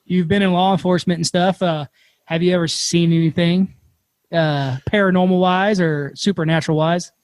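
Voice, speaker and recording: High-voiced man hosting, halting. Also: steady tone, no echo. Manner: halting, many fillers. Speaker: podcast host. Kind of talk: casual podcast chat.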